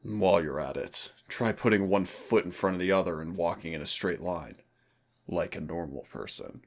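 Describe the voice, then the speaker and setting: In scripted roleplay audio, a man voices a predatory demon drilling his human trainee, his very low voice thick with gravelly creak. At normal speed, he taunts with mock courtesy and issues commands with smug, dangerous ease.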